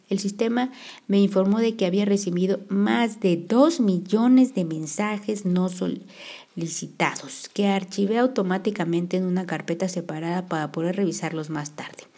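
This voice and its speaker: A woman narrating a novel in the first person as an audiobook. Her voice is warm and mellow, and she keeps the storytelling even and measured. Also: mid-range voice.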